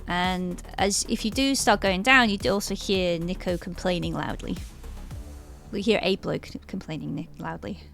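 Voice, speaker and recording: A woman's voice: on the low side, moderate pace, creaky, fairly bright tone, faint music behind. A woman running a tabletop game, narrating in a casual, rambling way. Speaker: game master.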